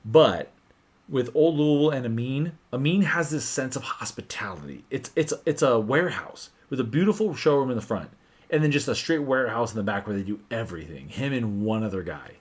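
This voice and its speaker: A man hosting a casual whiskey livestream, animated and swearing freely as he tells stories. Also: medium pitch, fairly quick.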